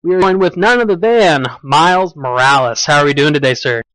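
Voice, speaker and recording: A man's voice: a little high, brisk, fairly bright tone, no echo, poor audio. A man co-hosting a podcast and conducting an interview in an upbeat, friendly way. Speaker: co-host interviewer.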